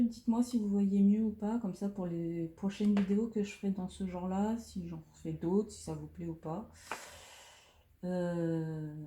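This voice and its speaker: A thirty-year-old woman chatting casually while she colors, speaking softly and hesitantly with lots of fillers, into a phone beside her head. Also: lowish voice. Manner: soft-spoken, hesitant, many fillers. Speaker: coloring vlogger. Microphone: phone camera right beside her head. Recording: roomy echo.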